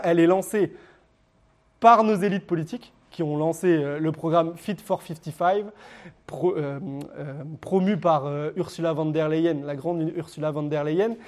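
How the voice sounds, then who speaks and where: A man giving a public lecture with slides, talking straight to his audience and pausing often on filler sounds. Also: sits high, darkish tone. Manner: hesitant, frequent "euh" fillers and restarts; addresses the audience directly. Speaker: conference speaker.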